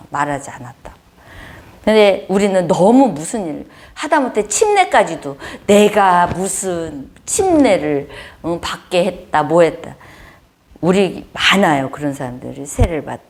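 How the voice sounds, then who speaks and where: A woman preaching a sermon, telling stories in an animated way with frequent laughter. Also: fairly low pitch.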